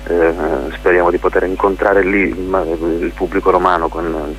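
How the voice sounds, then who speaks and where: A low-voiced playwright speaks in a flat, thoughtful, halting way during a radio interview, frequently searching for words, with faint music in the background. The sound is muffled and carries hum and hiss.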